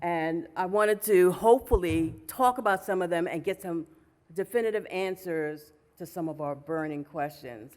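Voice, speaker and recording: A woman's voice: on the low side, moderate pace, darkish tone. A woman from New York moderating a fan convention panel in a loose, chatty way with lots of fillers. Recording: echoey convention hall.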